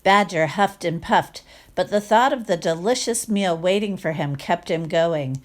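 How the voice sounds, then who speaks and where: A woman reading a picture book aloud to children, expressive, with chatty asides and questions to listeners. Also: lowish voice, unhurried. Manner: expressive, acts out sound words, asks listeners questions. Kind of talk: animated read-aloud storytelling with chatty asides.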